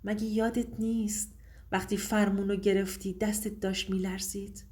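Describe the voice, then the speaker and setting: A woman voicing a menacing, mysterious female hitchhiker who speaks calmly and threateningly, over faint music. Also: medium pitch, natural voice. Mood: taunting. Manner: calm, threatening.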